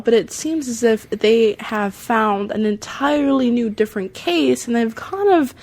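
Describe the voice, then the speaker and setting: A woman co-hosting a podcast in casual chat, agreeable and hesitant, often pausing with "um" as she raises topics. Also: a little high. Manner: agreeable, hesitant, many ums.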